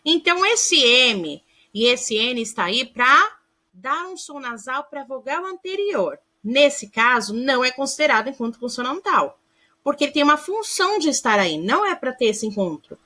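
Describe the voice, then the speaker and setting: A woman's voice: sits high, sing-song, normal speed, bright, forceful tone. A woman, a primary school teacher giving a recorded grammar lesson, sounding words out syllable by syllable and calling her pupils "amores". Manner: affectionate, calls pupils "amores", asks checking questions.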